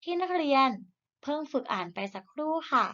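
Thai teacher woman, slow and encouraging. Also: high-pitched, sing-song, dull audio. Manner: slow, deliberate modelling of sounds for repetition; gentle, encouraging tone to children. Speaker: primary school teacher. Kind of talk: recorded reading lesson for young children.

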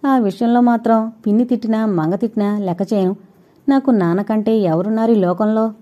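A woman reading the part of an earnest, devoted young woman in an audiobook, with soft, heartfelt pleading. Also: mid-range voice, fairly quick, close to an everyday voice.

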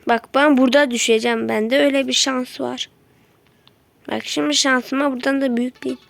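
A woman giving live gameplay commentary, excitable and slangy, yelping at enemies and muttering to herself. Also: sits high, fairly quick, vocal fry, no room sound. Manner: excitable, yelps and mutters at the game; slangy and teasing, talks to enemies. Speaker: gameplay streamer.

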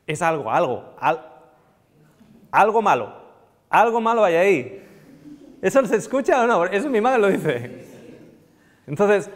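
A man in his thirties giving a live nutrition seminar to a seated audience, animated and often asking the room questions, on a lapel mic. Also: high-pitched, long reverb tail. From Spain. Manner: animated, asks the audience questions, gestures a lot. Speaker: nutrition lecturer.

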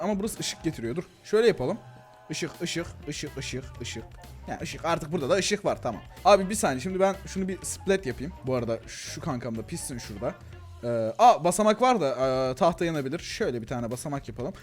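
Excitable young man with a lively voice. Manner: excitable, chatty, talks to viewers as "gençler" and "abi", frequent laughs; voice swings between thin and deep registers. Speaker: gaming YouTuber. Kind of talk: casual Let's Play commentary.

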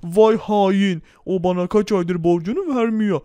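A man's voice: sits high, measured pace, warm tone, smooth, no room sound. A man playing a courteous, kind-hearted restaurant waiter in a game role-play. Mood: polite.

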